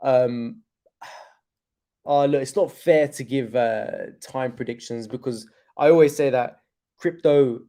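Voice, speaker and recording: Brief: young man, casual crypto stream host, mellow tone, fillers and slang, hip hurting. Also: medium pitch, takes it slowly. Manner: chatty, laid-back, loose with slang and fillers. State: in pain from his hip. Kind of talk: casual livestream chat.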